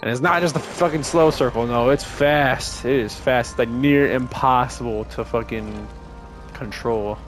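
A young man commentating as he plays a horror game, swearing often, talking to the game's characters and getting excitable when things go wrong. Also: medium pitch, unhurried, soft background music. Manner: profane, excitable, talks to the game. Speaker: gaming channel host.

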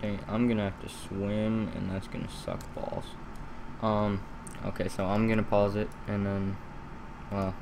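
A young man gives casual commentary over a video game in a slightly low, slow voice. He has a lisp and rambles haltingly, repeating phrases. The home recording has clear background noise. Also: level tone. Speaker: gaming video host.

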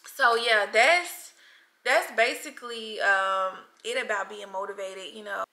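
A woman's voice: mid-range voice, a little slow, pushed and bright. A 30-year-old woman vlogging casually from her couch, talking with lots of "like" and "y'all". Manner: chatty, frequent "like" and "y'all" fillers. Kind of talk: casual chat to camera. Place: bright living room, seated on a couch. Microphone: camera in front of her.

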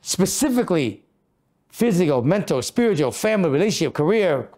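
A high-pitched, very animated man in his fifties speaks briskly and mellowly as co-host of a motivational podcast. Recorded in an office meeting room, he earnestly coaches on goal setting, full of rhetorical questions.

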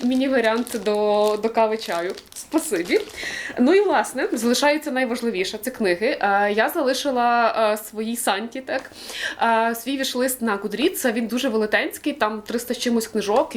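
A young woman with a fairly high voice chats casually to camera at home while unwrapping presents. She talks in a thankful, excitable way, full of little fillers and restarts. Paper crinkles around her over a faint noise floor. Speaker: book vlogger unboxing a gift. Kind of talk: casual unboxing chat. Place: home room.

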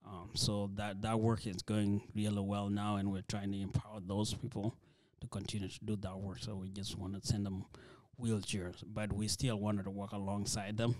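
Speaking softly and low, with little variation, a Dinka-speaking ministry leader takes part in a church interview as a guest. He pauses, uses lots of fillers, and often starts over. Recorded dry.

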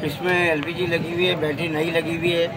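A man's voice: a little high, flat delivery, fairly quick. A man with a Pakistani Urdu accent, answering plainly about the rickshaw he is selling at an outdoor market. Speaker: rickshaw seller. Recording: heavy street noise.

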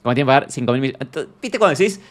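A man's voice: mid-range voice, animated, very fast, natural voice. A man with an Argentine accent playing a fussy, dramatic young woman on a stream, ranting in exasperation and acting out both sides of her chats. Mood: exasperated. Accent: Argentine Spanish. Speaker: streamer in character. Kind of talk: comic character monologue on stream.

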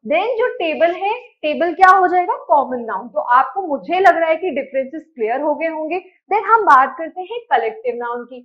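A woman's voice: high-pitched, lively intonation, moderate pace, few pauses, dull audio. A woman teaching an exam-prep grammar lesson. She keeps asking the class questions and then answers them herself, checking in with "okay" again and again. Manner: repeats "ठीक है" to check understanding.

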